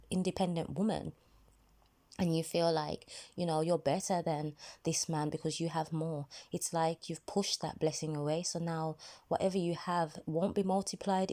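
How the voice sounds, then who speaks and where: A woman's voice: on the low side, mellow. A middle-aged woman giving casual spoken devotional advice, conversational and full of fillers. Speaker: ministry video host.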